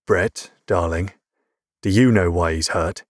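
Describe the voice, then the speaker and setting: A man's voice: low-pitched, a little slow, no room sound, studio quality. A man voicing a stern, tired middle-aged father who talks in clipped words through gritted teeth.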